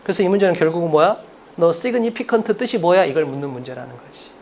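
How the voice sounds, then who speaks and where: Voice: medium pitch, expressive, quick pace, darkish tone, a little hiss or hum. An English exam-prep teacher explaining a mock test in a lecture, firing rhetorical questions at students and drilling points with emphasis. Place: lecture room at a board.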